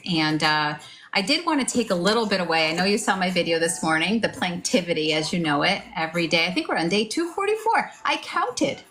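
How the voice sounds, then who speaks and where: A woman with a slightly low voice co-hosts a live online talk show. She chats casually and encouragingly, addressing her listeners directly. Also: sing-song, a little fast, fairly bright tone.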